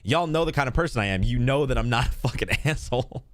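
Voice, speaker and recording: A man's voice: mid-range voice, expressive, fast, a bit bright, no echo, clean studio sound. Chatty man laughing as he streams. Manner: rambling and chatty, laughs often, swears. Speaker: streamer reacting live. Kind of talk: casual live-stream chat.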